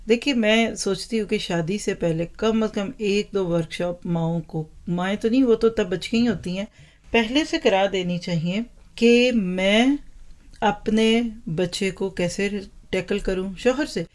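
A woman's voice: medium pitch, a little slow, darkish tone. A woman teacher giving an Islamic talk into a microphone, speaking straight to mothers with rhetorical questions and homely everyday examples. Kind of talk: Islamic lecture on parenting. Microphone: microphone in front of her.

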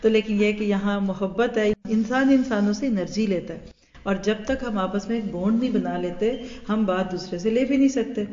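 Woman teaching a hadith class in an echoing hall. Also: mid-range voice. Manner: animated, acts out everyday dialogue, mixes in English words. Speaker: religious teacher. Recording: echoey hall, dull lo-fi sound.

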